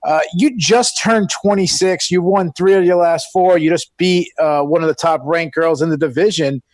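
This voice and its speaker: High-voiced male sports reporter, dry sound. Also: moderate pace, a little mellow, dry recording. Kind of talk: asking questions at a press conference.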